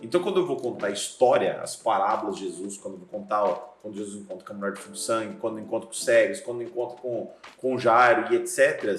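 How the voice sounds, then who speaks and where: Deep-voiced pastor telling lively stories. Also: male voice, fast talker, hardly any pauses, reverberant. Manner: lively storyteller, acts out scenes, laughs often. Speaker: seminary professor and pastor, guest. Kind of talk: casual podcast chat.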